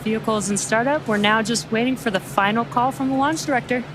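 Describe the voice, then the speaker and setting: A woman's voice: on the high side, fast. Woman hosting a launch stream, upbeat and explaining stuff, noise behind her. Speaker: launch webcast host. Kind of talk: live launch commentary, explaining.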